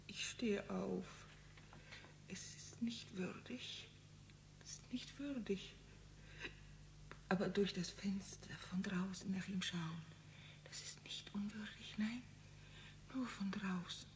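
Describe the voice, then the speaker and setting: Desperate old mom, hushed pleading whispers, radio play, slight hiss. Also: female voice, mid-range voice, slow, long pauses. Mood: whispered begging. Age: older. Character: aging mother desperate to see her dying husband.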